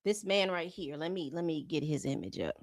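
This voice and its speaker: With a low-pitched voice and a fairly quick delivery, a woman running a commentary channel reads documents from a report aloud, then cuts in with exasperated asides. The recording is dry.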